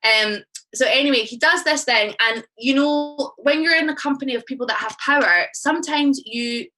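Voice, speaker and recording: A young woman with a Scottish accent reads list poems and tells rambling, self-deprecating stories at a live event. Her voice is bright and forceful and sits slightly high. She swears freely and keeps the tone casual. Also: normal speed, poor audio. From Scotland. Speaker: poet. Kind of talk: spoken word poetry and storytelling at a live event.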